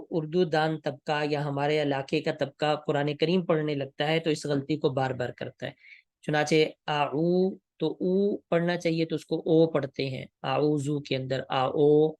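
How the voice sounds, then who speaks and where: A man with a slightly high voice gives a tajweed lesson on Quran recitation. He explains each point steadily and stretches out example syllables slowly so learners can follow. The sound is dry and close, with no room echo. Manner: slow, drawn-out demonstrations of Arabic pronunciation.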